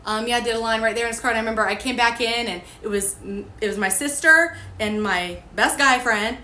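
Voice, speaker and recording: Her fairly high voice sounds pushed, bright and brisk as this young ministry host tells her personal story openly and conversationally, chuckling at her past. Echo and faint ambience fill the room.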